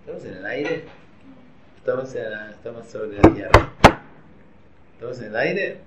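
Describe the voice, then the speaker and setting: This Argentine-accented teacher talks at normal speed with a medium pitch and lively intonation. His informal religious lesson to a group of women is chatty, and he keeps quizzing them with questions. The recording is roomy, slightly dull, and carries a faint hum.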